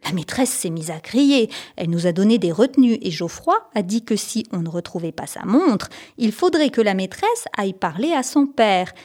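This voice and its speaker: Woman reading a children's story aloud. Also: medium pitch. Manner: lively, raising her voice for the characters' lines. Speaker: audiobook reader. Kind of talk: scripted storybook narration.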